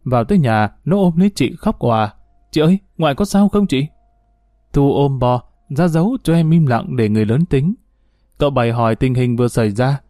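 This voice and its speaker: Male story reader, steady and even, mellow tone, dry close sound. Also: mid-range voice, a little fast, no echo. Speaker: narrator. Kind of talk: storybook narration.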